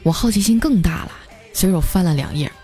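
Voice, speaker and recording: A woman host narrating a funny everyday story in a playful, animated way. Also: on the low side, a little fast, over music. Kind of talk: comic bedtime story narration.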